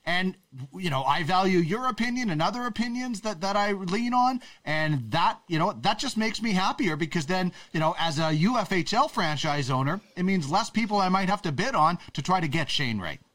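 A man's voice: sits high, expressive, moderate pace, a bit bright. A male podcast host chatting with his guest, friendly, with hesitant starts. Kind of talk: podcast chat.

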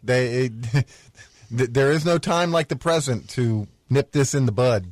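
A man's voice: medium pitch, measured pace, no echo. Man, radio co-host, chatty and agreeable, dry close studio sound. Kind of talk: casual radio chat.

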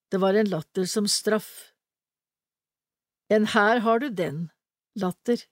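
A woman reading a story aloud in a calm, measured way. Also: mid-range voice, no room sound, studio quality.

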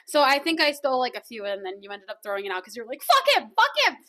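A woman's voice: fairly high pitch, racing, a bit bright. A young woman co-hosting a casual chat, exclamatory and teasing, swearing freely. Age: young adult. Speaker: podcast host prompting stories.

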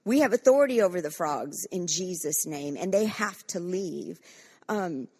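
A woman's voice: lowish voice, animated, moderate pace, mellow, husky. A woman pastor preaching a fervent sermon and leading corporate prayer, acting out quoted voices with frequent restarts.

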